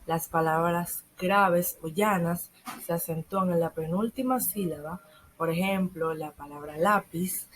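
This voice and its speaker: A teenage girl, a secondary school student, reading a school lesson aloud from a script and slowing down on the examples. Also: lowish voice, a little hiss or hum, low-quality recording. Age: teens.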